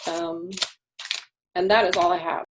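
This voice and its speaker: A woman's voice: fairly low pitch, fairly even intonation, measured pace, background noise. A woman council member giving an informal, wandering report over a video call, her voice worn from a long day. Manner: informal, wandering, many restarts. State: losing her voice.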